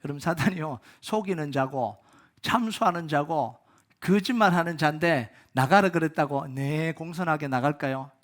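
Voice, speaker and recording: A man preaching a sermon as pastor at a Friday prayer meeting, moving between loud emphatic peaks and low quiet asides. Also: moderate pace. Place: church sanctuary.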